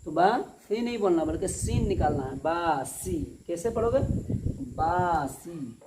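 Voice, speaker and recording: A male teacher giving a spelled-out recitation lesson, patiently drawling each word out slowly and repeating it. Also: high-pitched, animated. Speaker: Quran reading teacher. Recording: echoey room with faint noise.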